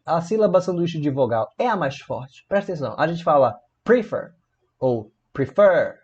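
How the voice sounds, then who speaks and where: A man's voice: a little high, brisk, husky, lo-fi sound. A man from Brazil teaching a grammar video lesson, explaining playfully and asking his viewers questions as he goes. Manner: lively, playful storytelling with rhetorical questions. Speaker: English teacher.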